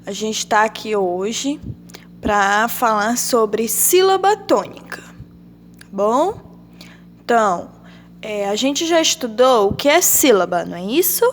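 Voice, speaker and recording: Brazilian woman teacher, young adult, high and animated, sing-song questions for children. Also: slow, a little hiss or hum. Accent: Brazilian Portuguese. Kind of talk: children's grammar lesson.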